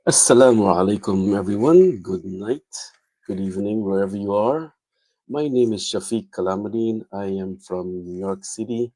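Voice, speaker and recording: A middle-aged man speaks in a low, mellow voice. He introduces himself to a webinar panel with growing enthusiasm, sounding dry and close over a video call. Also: normal speed, dry recording, poor audio. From Guyana.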